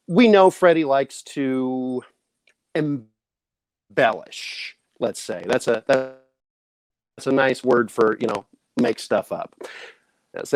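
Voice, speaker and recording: A man's voice: medium pitch, no room sound. A man hosting an improv show over a video call, explaining the games in a playful, upbeat way. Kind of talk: hosting game instructions.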